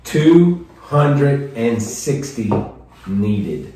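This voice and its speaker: A man's voice: mid-range voice, very animated, very slow, warm tone. A man in his fifties, a co-host chatting casually in short remarks. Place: small indoor room, seated at table. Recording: echoey room, distant microphone.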